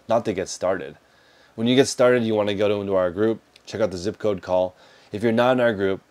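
A guy in his 30s from the US, host of a reselling business, takes viewer questions in a relaxed, practical livestream Q&A, talking conversationally and gesturing with his hands. His voice is low and a little mellow. A lapel mic picks him up in an indoor storage room lined with shelves of boxes.

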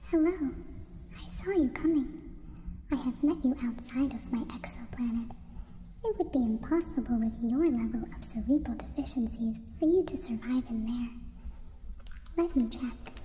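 An ASMR role-play of a formal, condescending female alien, performed by a woman. The voice is very mellow and highish, detached and stilted, trailing into long reverb. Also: normal speed, slight background noise, lightly acted. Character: condescending, clinical female alien, curious about humans.

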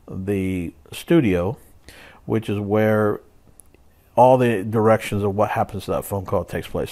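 A man's voice: mid-range voice, darkish tone. Man explaining a setup conversationally. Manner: conversational, checks in with "okay" and "all right". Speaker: tutorial presenter. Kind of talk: casual screen-share tutorial.

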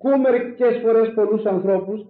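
A man preaching a sermon in an animated, rhetorical way, swinging from loud exclamations to low asides. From Greece. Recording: echoey, phone-like lo-fi recording.

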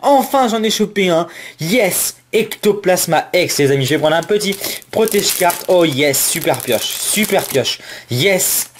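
A man hosting a casual card-opening vlog, listing card names in a running commentary and talking excitedly to his viewers. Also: high voice, a little slow, a little hiss or hum. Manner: excitable, exclamatory, addresses viewers as friends.

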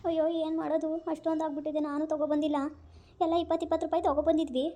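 Casting: woman as a panicky young girl, high quick pleading voice, mellow tone, comic skit. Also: flat delivery. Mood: worried. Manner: fretful pleading. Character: panicked young girl who can't pay.

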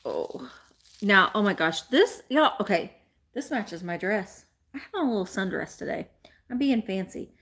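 A woman, chatting bubbly and fast to live viewers from a small room at home. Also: mid-range voice, sing-song, a bit bright, husky. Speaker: vintage reseller host. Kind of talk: casual live-stream chat.

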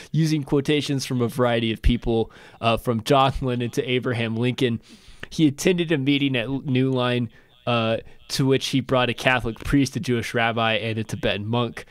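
A man's voice: mid-range voice, smooth, no echo. A man co-hosting a podcast who reads a passage aloud with many hesitant fillers and a dry, sarcastic edge. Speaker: podcast co-host. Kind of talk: casual film discussion, reading aloud.

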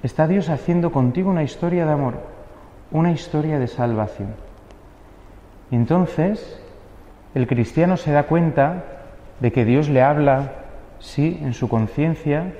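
A man's voice: on the high side, a little slow, long pauses, mellow, echoey room, big-room sound, highs cut off. A young male priest giving an earnest homily, posing rhetorical questions.

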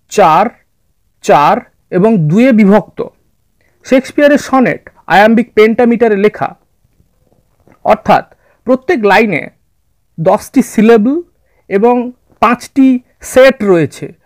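A man narrating a scripted literature lesson in a measured, orderly way, addressing his students. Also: sits high, dry recording. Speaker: literature teacher. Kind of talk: scripted explanatory lecture narration.

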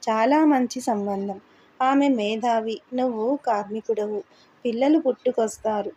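Brief: stern young activist, voiced by a woman narrator, measured lecturing, mellow tone. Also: fairly high pitch, muffled recording, slight background noise, lightly acted. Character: stern serious young man, a worker-activist.

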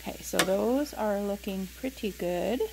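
A woman's voice: mid-range voice, a little slow, gravelly. A woman hosting a casual home cooking video, chatting while she works in her kitchen. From United States. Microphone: camera on a tripod. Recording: noisy home kitchen recording.

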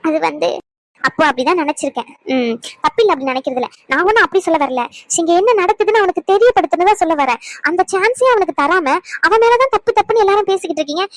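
Quick, high-voiced woman in cartoon dialogue. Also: no room sound, poor audio. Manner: emphatic, scolding, lecturing. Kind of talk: cartoon voice acting.

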